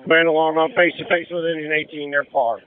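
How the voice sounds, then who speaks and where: A man gives terse, commanding orders as an urgent firefighter on the radio. His voice is on the high side and quick, squeezed through a narrow, muffled radio channel. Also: steady tone, smooth. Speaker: fire incident commander. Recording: muffled band-limited fireground radio.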